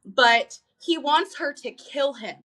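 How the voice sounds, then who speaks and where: A woman with a high, bright voice chats on a podcast. She is animated and acts out movie lines in bursts, with a casual habit of swearing. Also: slow pace. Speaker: podcast co-host. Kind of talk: casual chat.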